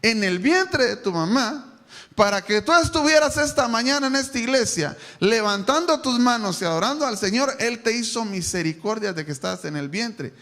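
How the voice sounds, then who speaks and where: A man preaching a sermon to his congregation, animated, asking them questions and bursting into shouts. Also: very high-pitched, normal speed. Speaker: pastor. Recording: echoey church hall, live stream.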